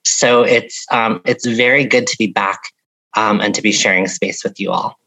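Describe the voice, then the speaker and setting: A woman's voice: extremely low pitch, steady tone, moderate pace, fairly bright tone, slight background noise, low-quality recording. A woman from upstate New York speaking on a panel in a thoughtful, hesitant way with many "um"s. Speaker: panelist, advocacy director. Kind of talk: panel discussion.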